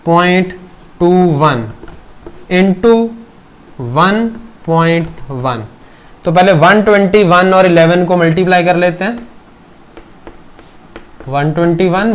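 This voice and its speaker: A male physics teacher with a fairly high voice walks students through a lesson one step at a time. He keeps asking them questions to check they follow, and he switches freely into English terms as he goes. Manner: mixes Hindi with English terms, addresses students as beta. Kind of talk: classroom lecture. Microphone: teaching video recording.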